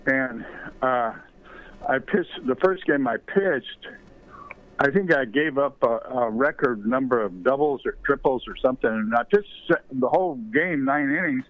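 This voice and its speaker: A man's voice: medium pitch, lively intonation, measured pace, no room sound. Older male guest, anecdotal storyteller, loose and digressive, phone-quality audio. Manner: rambling anecdotal storytelling with many fillers. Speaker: interview guest, former ballplayer and author. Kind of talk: storytelling in a podcast interview. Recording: tinny phone line.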